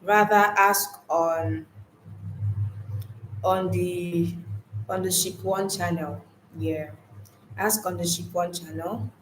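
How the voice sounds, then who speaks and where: A woman with a fairly low voice teaches a live online class, chatty and informal, often restarting her words as she goes. The room is roomy and echoey. A faint hum of ambience sits behind her. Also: fairly even intonation, slow, pauses often. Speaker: online course instructor. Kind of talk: live-streamed lesson, casual.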